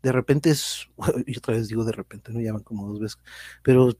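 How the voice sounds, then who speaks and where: A middle-aged man with a Mexican accent, chatting casually on a live stream. His voice is mellow and warm, recorded close and dry with no room sound. He greets viewers by name and sprinkles in slang. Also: mid-range voice, fairly even intonation, fairly quick, husky, no room sound. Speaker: podcast host and teacher.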